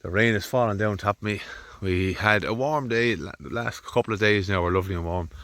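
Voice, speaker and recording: An Irish farmer films himself on a handheld phone out in a rainy field, rambling and grumbling through casual vlog narration. His voice is on the low side, a little fast and a bit bright, and the recording is dry.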